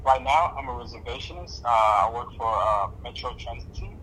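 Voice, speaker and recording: A man's voice: mid-range voice, expressive, moderate pace, pushed and bright, slight background noise, poor audio. A young man from Somalia answering interview questions in a casual, hesitant way, with many fillers and restarts. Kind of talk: casual oral history interview.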